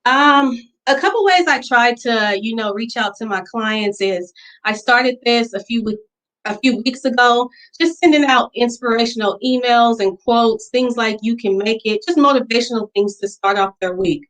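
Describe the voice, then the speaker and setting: A woman gives an earnest, heartfelt pitch for her salon business. Her voice sits a little high, and she speaks with sincere feeling. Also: moderate pace, a bit bright, rough recording. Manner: earnest and emotional, fighting back tears at times. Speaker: business pitch contestant, hair stylist. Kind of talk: virtual business pitch presentation.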